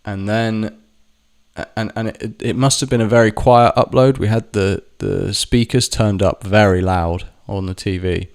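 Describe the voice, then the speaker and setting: A man with a deep, low voice tells a personal story in a loose, rambling way. He swears freely and keeps stopping to correct himself mid-sentence. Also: fairly even intonation, measured pace, vocal fry. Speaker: vlogger. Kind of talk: casual storytelling monologue.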